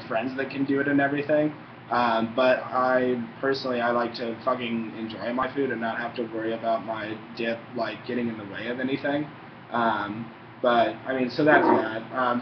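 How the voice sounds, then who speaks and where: Young guy rambling with a fat dip in his lip, roomy muffled recording. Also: medium pitch. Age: young adult. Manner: laid-back, frequent swearing. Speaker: tobacco review vlogger. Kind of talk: casual rambling chat. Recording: muffled, roomy, faintly noisy home recording.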